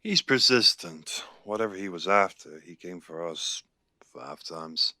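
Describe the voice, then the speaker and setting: For an audio drama, a man plays a guarded Irish werewolf alpha in a deep voice, recorded dry without echo. Like a seasoned pack leader, he picks his words gravely and deliberately, yet his intonation is lively, pushed and bright in a heavily acted roleplay.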